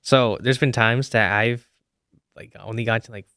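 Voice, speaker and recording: A man's voice: medium pitch, fairly even intonation, normal speed, pushed and bright, clear, resonant tone, no echo, clean studio sound. A young man in casual podcast chat, telling a story with lots of fillers and restarts. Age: young adult. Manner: rambling, many fillers and restarts.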